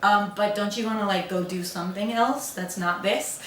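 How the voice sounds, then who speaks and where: A woman's voice: mid-range voice, normal speed, a little hiss or hum, natural voice. Woman doing bratty Kathy, snotty and roomy. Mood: coy. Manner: snotty, sarcastic. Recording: roomy, from a distance.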